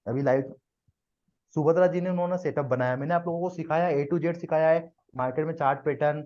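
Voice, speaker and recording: A man's voice: on the high side, brisk, a little mellow, dull audio. A man teaching a live trading class to students, explaining step by step and often checking that they follow.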